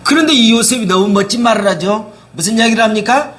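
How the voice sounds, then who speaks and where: A man's voice: high-pitched, fast talker, fairly bright tone. A man preaching a sermon as pastor, constantly asking his listeners rhetorical questions and dramatically acting out the words of biblical figures.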